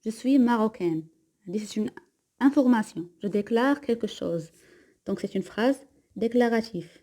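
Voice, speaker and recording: Teaching French grammar in a blend of Moroccan Arabic and French, this Moroccan woman has a fairly high pitch, a dark tone, and an expressive delivery. Her pattern is to say example sentences slowly, then explain them at speed.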